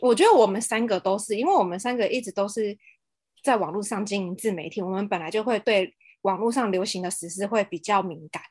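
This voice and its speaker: A woman's voice: medium pitch, fast talker, darkish tone, slightly rough, dry recording, studio quality. A woman with a Taiwanese accent chatting casually on a podcast as co-host, in a self-mocking, mildly exasperated way.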